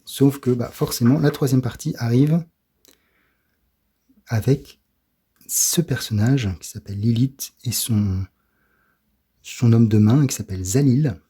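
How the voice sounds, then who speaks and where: A middle-aged man with a French accent giving a soft-spoken ASMR comic review, hesitant and often dropping to a whisper. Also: mid-range voice, husky. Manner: hesitant, fills pauses with "euh" and "voilà", often drops to a whisper.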